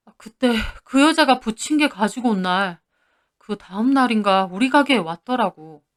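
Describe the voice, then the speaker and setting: A woman's voice: on the high side, animated, normal speed, close to an everyday voice. A woman voicing a guilty middle-aged husband who makes flustered, begging excuses in a storybook reading. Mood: sheepish.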